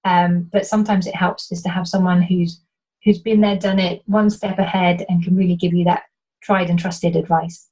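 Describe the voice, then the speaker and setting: Fairly low in pitch and mellow, this woman's voice holds a level tone at normal speed over poor audio. A Welsh business coach with a light British accent and subdued Welsh features, she answers interview questions earnestly and explanatorily, often restarting sentences.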